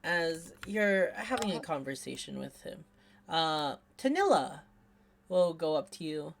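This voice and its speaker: A woman narrating a tabletop game as game master, unhurried and relaxed. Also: low-pitched, creaky.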